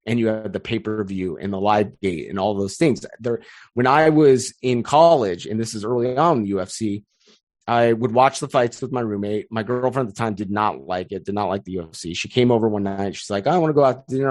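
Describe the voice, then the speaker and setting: A man in his thirties, a podcast guest, chatting casually and telling lively stories with frequent restarts. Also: on the low side, fairly quick, no echo. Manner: storytelling, energetic, frequent restarts. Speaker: podcast guest, content strategist. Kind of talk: casual interview chat.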